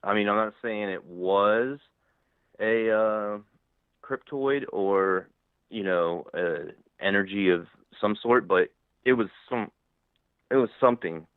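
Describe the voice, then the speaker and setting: A man calling in to a paranormal talk show, telling his story haltingly with a slight lisp from a broken front tooth. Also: fairly low pitch, clean tone, no room sound. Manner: halting, repeats words, restarts. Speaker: caller. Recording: tinny phone line.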